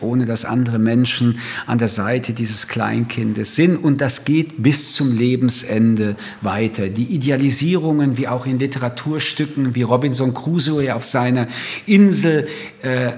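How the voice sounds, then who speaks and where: A man speaking as a guest in a reflective, philosophical conversation, measured and thoughtful, often pausing with small hesitations. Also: mid-range voice.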